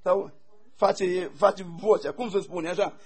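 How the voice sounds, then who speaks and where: Pastor guy preaching, really high voice, folksy stories, laughs along as he goes. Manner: folksy storytelling, animated, laughing asides. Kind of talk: sermon with anecdotes.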